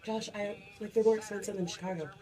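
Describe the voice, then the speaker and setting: A woman's voice: medium pitch, steady tone, fast, a crowd in the background. A woman co-hosting a radio show, chatting casually and reading out listener messages in the studio. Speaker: radio co-host.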